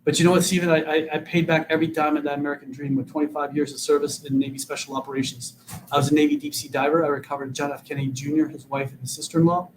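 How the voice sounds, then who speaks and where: A Vietnamese-born man in his fifties, a political candidate appearing as an interview guest, speaks earnestly and rapid-fire in a fairly high voice with little pitch movement. He often repeats words as he starts sentences, and there is background noise.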